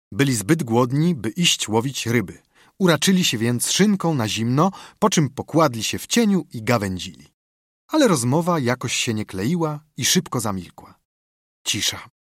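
A man narrating a story with expressive, storytelling delivery. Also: medium pitch, breathy edge, dry recording, clean studio sound. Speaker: audiobook narrator. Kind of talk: scripted narration.

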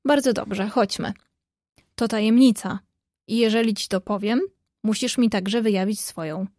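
A woman's voice: mid-range voice, normal speed, a little mellow, no echo, close to an everyday voice. A woman voicing a playful, teasing young man in a read-aloud story, speaking lightly to a close friend.

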